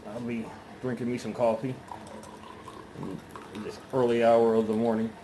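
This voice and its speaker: A man chatting casually through a solo review in an unhurried, halting, rambling way, with pauses. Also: mid-range voice, little pitch movement. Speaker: pipe tobacco reviewer. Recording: roomy echo, faint background noise.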